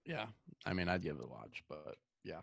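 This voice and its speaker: Chatting casually as a podcast co-host, this young man stays relaxed, laughs a lot and often leaves sentences unfinished. His low voice is creaky, expressive and a bit bright, at a moderate pace with no room sound.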